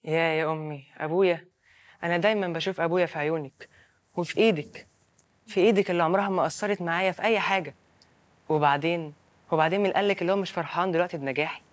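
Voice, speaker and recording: A man's voice: on the high side, steady tone, very fast, close to an everyday voice. An actor playing a devout young man with an Egyptian accent, just graduated, earnest and affectionate with his mother. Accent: Egyptian Arabic. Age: young adult. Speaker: son, new graduate.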